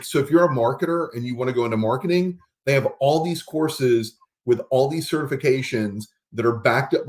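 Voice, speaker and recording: A man hosts a casual podcast chat. His voice sits at an ordinary middle pitch. He explains patiently and spells words out letter by letter when it matters. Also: darkish tone. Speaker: podcast host.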